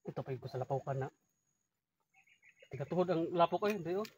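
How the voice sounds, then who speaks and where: Dude rattling off fast outside, little bit of background noise. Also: male voice, a little high. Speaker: vlogger on a jungle outing. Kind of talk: casual chat among friends. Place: outdoors on a mountain.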